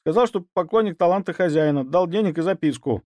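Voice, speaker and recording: A man's voice: high-pitched, lively intonation, normal speed, a little mellow, dry recording, clean studio sound, voice pushed up. A man voicing a frightened young male servant who stammers and pleads. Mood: frightened pleading. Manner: stammering, whimpering.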